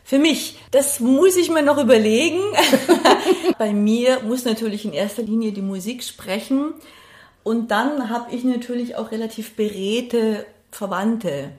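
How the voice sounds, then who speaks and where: This middle-aged woman, originally from Passau, Bavaria, has a slightly high, darkish voice and takes her time speaking. She's a guest in an interview, casual and reflective, pausing hesitantly while working through her thoughts in a roomy, echoing space.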